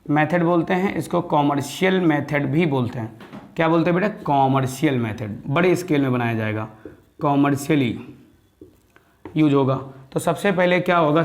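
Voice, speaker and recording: A male chemistry teacher lecturing in a voice that sits a little above the usual for a man. He fires questions at his class and answers them himself, calling his students "beta" as he walks them through each step. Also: fairly high pitch. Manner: calls students "beta" and "bhaiya".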